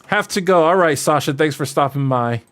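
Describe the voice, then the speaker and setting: A somewhat high, animated, slightly bright voice belongs to a man in his early thirties who streams and takes viewer questions. He speaks fairly quickly, rambling and joking in a self-deprecating way over noticeable background noise.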